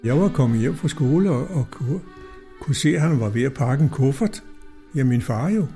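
An older man recalls the past in a dark, mellow voice with a gravelly edge. He speaks slowly and stops to search for words. Faint music plays behind him. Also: medium pitch, expressive. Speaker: interviewee recalling his childhood. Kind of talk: reminiscing in a radio documentary.

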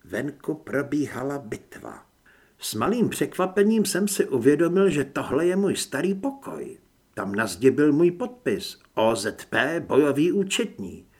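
A man reading a first-person action audiobook in a steady, measured way, with a husky voice. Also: on the high side. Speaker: audiobook narrator.

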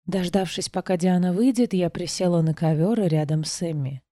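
A woman reading a first-person novel aloud as an audiobook, quiet and restrained, acting out the dialogue. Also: on the low side, normal speed, no room sound. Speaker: audiobook narrator.

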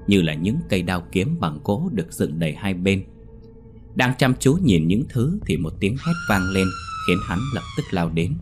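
A man narrating a horror story in a steady, unhurried way. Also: deep voice. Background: faint music.

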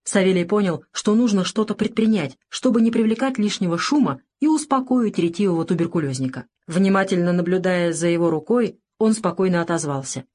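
A woman reads a novel aloud in a measured, steady way. Her voice sits a little low with a husky edge. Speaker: audiobook narrator. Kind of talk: audiobook reading of a crime novel.

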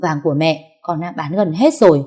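A spoiled young wife, voiced by a female storyteller chatters and complains in a gossipy, giggly voice. Her tone stays mellow and fairly low through the audio story. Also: lively intonation, moderate pace, breathy edge. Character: spoiled young married woman, chatty and scheming.

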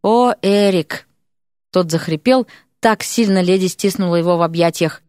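A woman's voice: on the low side, a little fast, a little mellow, no echo. Woman narrating a story, dry close sound. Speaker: audiobook narrator. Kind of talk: scripted narration.

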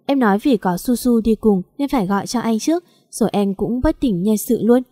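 A gentle, caring young woman speaks softly and plainly, voiced by a woman narrating a storybook. The voice is warm and mellow. The recording sounds dry and close. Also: a little high, animated, fairly quick, no room sound.

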